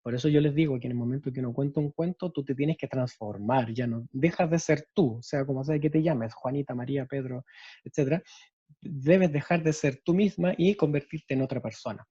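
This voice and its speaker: Here the Chilean-accented male special education teacher talks briskly at a medium pitch, his mellow voice carrying a breathy edge. His explanatory storytelling lecture is sprinkled with tag questions to check in. There's no echo, and the audio sounds dull.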